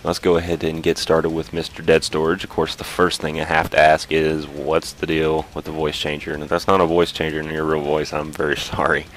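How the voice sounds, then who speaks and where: Very deep-voiced man hosting an interview. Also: monotone, a little fast, hardly any pauses, a bit bright, slight background noise. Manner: loose, filler-heavy. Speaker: host. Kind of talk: casual interview.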